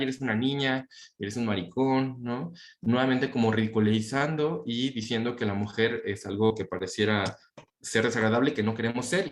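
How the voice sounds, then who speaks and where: A man's voice: fairly low pitch, roomy sound. A young man, lecturing a university class in a conversational way, full of fillers and tag questions. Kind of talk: university talk on inclusive language.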